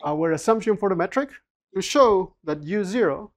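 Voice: medium pitch, animated, moderate pace. Lecturer working through equations. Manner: explanatory, with frequent restarts and fillers. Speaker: physics lecturer. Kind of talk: university lecture. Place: lecture room.

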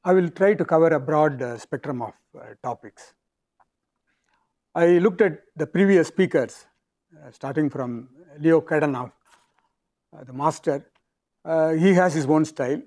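Giving an academic lecture, this South Indian-accented man speaks with a slightly high pitch for a male but a darkish tone. He moves through the content haltingly, stopping often between phrases.

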